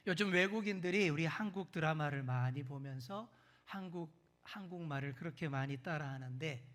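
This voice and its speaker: A senior pastor with a high voice preaches a sermon, addressing the congregation directly and putting questions to them. His preaching is expressive, swinging from loud, stressed words to hushed whispers.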